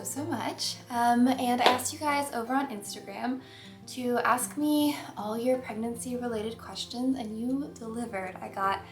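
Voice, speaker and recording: A young woman vlogger chatting casually to camera, slightly out of breath, with many ums and light laughs. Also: a little high. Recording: echoey room with faint music.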